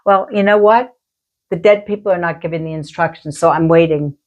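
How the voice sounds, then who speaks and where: A woman's voice: fairly low pitch, fairly quick, darkish tone, dull audio. A middle-aged woman, a healer and medium, chatting and telling stories, acting out the voices she quotes. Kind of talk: casual chat, storytelling.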